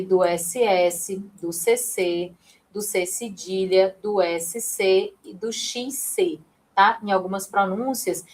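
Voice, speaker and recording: Chatty Brazilian woman teaching live. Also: medium pitch. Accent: Brazilian Portuguese. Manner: chatty, reads chat, addresses students by name. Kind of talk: live online class.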